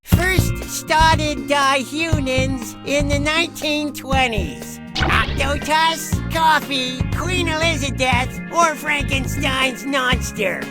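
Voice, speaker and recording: A man voicing a cheeky wooden ventriloquist dummy in a squeaky voice with garbled consonants and a clowning, wordy delivery. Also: slow, loud music behind the voice. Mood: quizzing.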